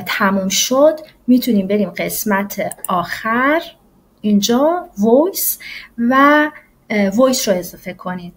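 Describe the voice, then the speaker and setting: A woman English teacher walking through a software tutorial in a casual, explanatory way, often pausing on "uh". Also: medium pitch, creaky, a little hiss or hum. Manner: casual and explanatory, with frequent "uh" fillers. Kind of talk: screen-recorded software tutorial.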